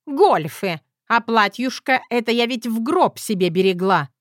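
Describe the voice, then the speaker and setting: A woman's voice: a little high, expressive, measured pace, dry recording, clean studio sound. Scolding fiery grandma, as a woman reads her. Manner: loud scolding, folksy. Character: fiery little grandmother, scolding mother-in-law.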